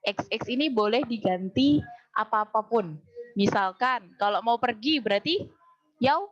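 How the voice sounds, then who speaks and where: Higher-voiced woman teaching a class. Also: expressive, lo-fi sound. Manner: explains patiently, drills phrases slowly, quizzes students. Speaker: Mandarin teacher. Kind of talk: classroom language lesson.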